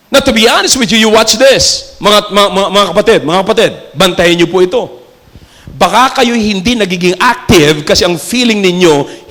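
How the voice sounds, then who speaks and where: A Filipino man preaching a sermon in a church, mixing English and Tagalog, joking and shouting key lines for emphasis. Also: high-pitched, long reverb tail. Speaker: pastor.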